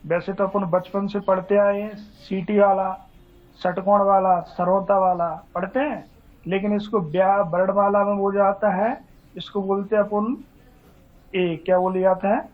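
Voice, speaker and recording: A man's voice: sits high, level tone, a little slow. A male teacher giving a classroom lecture on Hindi grammar, asking questions and answering them himself in a repetitive drilling manner. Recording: dull lo-fi recording.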